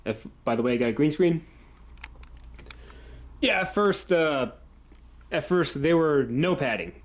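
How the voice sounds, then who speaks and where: A man's voice: fairly high pitch, expressive. A man casually talking about video games in a vlog update, mumbling and stumbling through lots of fillers on a condenser mic. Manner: mumbling, halting, full of fillers. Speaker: video game commentator. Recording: echoey home room.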